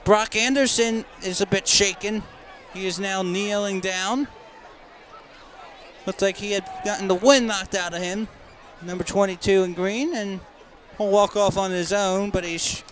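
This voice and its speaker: A young man with a high voice calls a high school football game live, chatty and quick to echo the official calls. A crowd murmurs faintly and outdoor noise sits behind him. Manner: chatty, repeats the official calls, excitable on fumbles. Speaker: play-by-play announcer.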